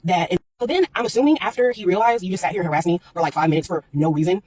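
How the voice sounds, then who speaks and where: Woman, storytime vlogger, very fast, rambling, exasperated, shaken. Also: fairly low pitch, darkish tone. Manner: rambling, exasperated, full of fillers and restarts. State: shaken, upset. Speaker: market vendor telling a personal story. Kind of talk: storytime vlog, unscripted retelling.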